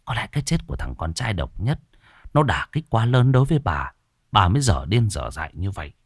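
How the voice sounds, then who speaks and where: Low-voiced man telling a gory ghost tale. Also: very animated, fairly quick, no echo, clean studio sound. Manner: vivid, gory, theatrical delivery. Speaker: ghost story narrator. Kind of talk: dramatic horror storytelling.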